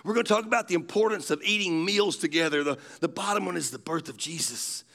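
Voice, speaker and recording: A man's voice: a little high, fast, vocal fry, sharp tone. A man, preaching a sermon in a folksy storytelling way. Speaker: pastor.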